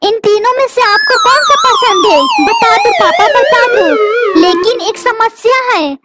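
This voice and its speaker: A woman's voice: very high-pitched, big pitch swings, unhurried, exaggerated voice. A woman voicing a mischievous cartoon son who teases his parents, with music behind. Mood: mock-innocent. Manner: teasing, cheeky. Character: cheeky young boy, mischievous son. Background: background music.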